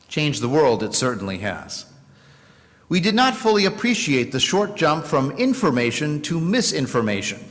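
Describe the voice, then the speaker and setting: A man in his late forties giving a sermon as a rabbi, measured and wry, with dry jokes. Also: on the high side, fairly bright tone, in a large hall.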